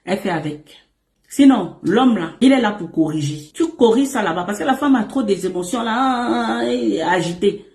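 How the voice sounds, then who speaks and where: A woman's voice: mid-range voice, normal speed. Woman, relationship coach, casual advice monologue; emphatic, repetitive, playful; echoey room sound. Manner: emphatic and repetitive, calls listeners "my emperor"; animated and playful, with asides and laughs.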